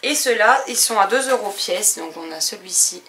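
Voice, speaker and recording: Casual French woman vlogger showing her purchases, chatty with lots of fillers, bright tone. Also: mid-range voice, lively intonation, normal speed, a little hiss or hum. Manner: chatty, hesitant with many fillers. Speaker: book and stationery vlogger. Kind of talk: casual haul video chat.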